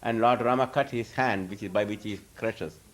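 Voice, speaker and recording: Speaking at a moderate pace in a fairly low voice, this spiritual teacher answers questions from a live audience in a casual lecture. His talk wanders, he frequently starts sentences over, and he laughs softly throughout.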